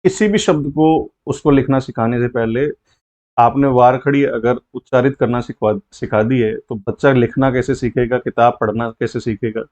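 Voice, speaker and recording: A man's voice: mid-range voice, steady tone, normal speed, a little mellow, lo-fi sound. A male teacher patiently explaining a lesson step by step, often repeating key points.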